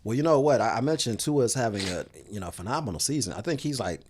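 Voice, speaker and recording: An animated man co-hosting a casual sports betting chat, his voice at a middle pitch that rises and falls a lot. He often stops and restarts mid-sentence and fills gaps with "um" and "you know". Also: slight background noise. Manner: animated, halting, many restarts and fillers. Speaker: podcast co-host.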